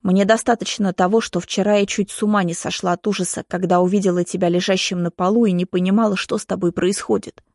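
A woman's voice: medium pitch, steady tone, quick pace, few pauses, darkish tone, no room sound, clean studio sound, close to an everyday voice. A woman reading an audiobook, voicing an anxious middle-aged mother who speaks emotionally and pleadingly. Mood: reproachful.

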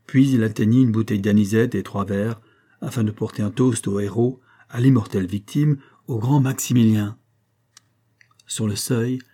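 A man narrating a classic novel as an audiobook, in a steady literary reading. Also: on the low side, husky. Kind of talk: scripted narration.

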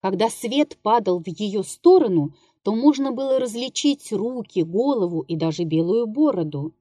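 A woman narrating a classic literary story as an audiobook in a measured, even manner. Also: medium pitch, no echo.

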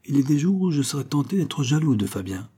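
Man voicing a scheming young dandy, sly, husky, low and dark, audiobook reading. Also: sing-song, fairly quick.

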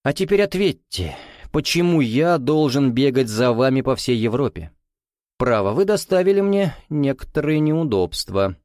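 A man's voice: medium pitch, animated, moderate pace, no echo, clean studio sound, close to an everyday voice. A man reading an audiobook, voicing a suave, condescending male lodge commander with a reproachful drawl. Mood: mocking.

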